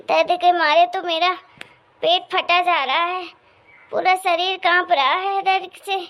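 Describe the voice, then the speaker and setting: A woman's voice: extremely high pitch, little pitch movement, a little slow, fairly bright tone. Woman voicing a bitter, feverish mother-in-law. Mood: scolding. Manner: bitter and scolding. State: feverish and in pain. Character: harsh, complaining middle-aged mother-in-law. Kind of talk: cartoon story voice acting.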